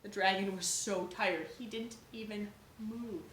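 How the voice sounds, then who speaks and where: A woman teacher reading a picture book aloud to young children, gentle and expressive, with little asides. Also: mid-range voice, unhurried, noisy background. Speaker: preschool teacher. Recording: echoey room.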